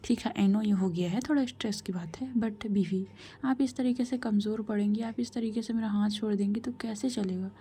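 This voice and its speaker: A woman voicing a young woman who gently reassures and pleads with her partner, in a soft, hushed way. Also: mid-range voice, moderate pace, close to an everyday voice. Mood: tender.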